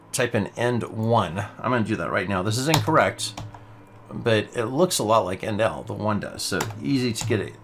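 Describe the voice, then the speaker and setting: A man's voice: on the low side, fairly bright tone, slight background noise. A man teaching a beginner programming lesson, explaining patiently step by step while typing along. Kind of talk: screen-recorded coding tutorial.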